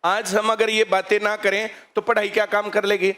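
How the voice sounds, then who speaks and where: High-voiced man lecturing students. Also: level tone, normal speed, bright, forceful tone. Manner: rhetorical, questioning the audience. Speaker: coaching centre teacher. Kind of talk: lecture to students on current affairs.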